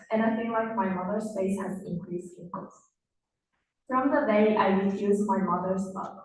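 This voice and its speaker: A young woman giving a rehearsed formal speech as a contestant, with emphatic, dramatic delivery and pauses. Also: mid-range voice. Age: young adult. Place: large indoor hall on stage. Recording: very echoey hall from far off.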